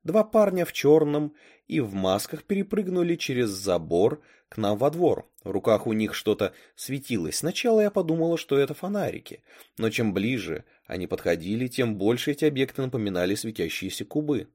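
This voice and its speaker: Man reading a story, very lively intonation. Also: mid-range voice, a little fast. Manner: animated, dramatic storytelling. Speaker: story reader. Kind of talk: expressive storybook narration.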